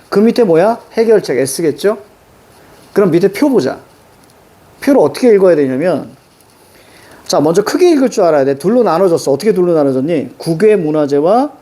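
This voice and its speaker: Lively high-voiced male teacher. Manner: checks in often with quick rhetorical questions; brisk, instructive, keeps students marking text. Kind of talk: classroom lecture on exam questions.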